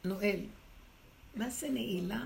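Gravelly-voiced woman teacher, exhorting. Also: medium pitch. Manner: emphatic, exhorting, scolds and challenges listeners. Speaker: religious teacher leading a women's class. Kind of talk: spiritual class with questions from listeners. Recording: noisy room recording.

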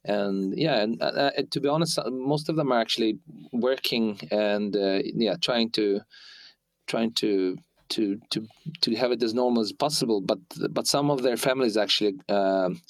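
A man in his forties, raised in Ukraine and now living in Sweden, speaking as an interview guest. He talks in a halting way, full of restarts and fillers. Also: fairly low pitch, no room sound. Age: 40s. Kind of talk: hesitant conversational interview.

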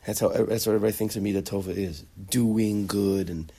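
A man's voice: on the low side, fairly even intonation, fairly quick, dark tone, breathy edge. A man teaching a conversational lecture on character traits, acting out bits of dialogue and often restarting his sentences. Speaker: Torah teacher.

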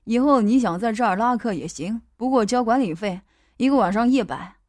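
A woman voicing a cold, menacing male gang boss in an audiobook, talking in a flat, threatening way. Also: on the high side, fairly quick, no echo, close to an everyday voice. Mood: cold threat. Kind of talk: audiobook character voice.

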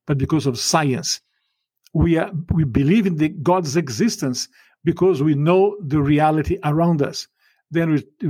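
A Brazilian man with a Brazilian Portuguese accent appears as a podcast interview guest, his voice on the high side and a little mellow, with no room sound. He talks in an emphatic, fervent preaching tone and often restarts his sentences.

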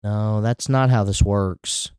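A man's voice: on the low side, steady tone, slow, a little mellow, smooth, no room sound. Man, sermon, conversational preaching, emphatic asides, dry close sound.

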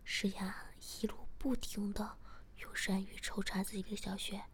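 A woman narrating a first-person story as a whispered role-play, in a steady, hushed, breathy voice. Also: mid-range voice, moderate pace.

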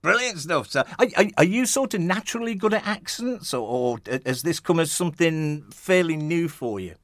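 The speaker is a male radio host in a studio, his voice on the high side, animated and a bit bright, at a moderate pace with no echo and studio quality. He interviews in a jovial, chatty way, rambling, chuckling often, and full of restarts and fillers.

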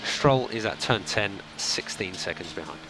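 A man working as a race engineer, speaking over race car team radio in calm, clipped instructions that he repeats twice. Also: low voice, a little slow, very noisy.

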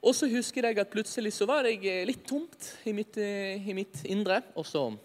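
Guy sharing his faith story, fairly high voice, lively and laughing at himself, big echoey church hall. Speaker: speaker giving a personal testimony. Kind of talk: personal faith testimony. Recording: long hall reverb.

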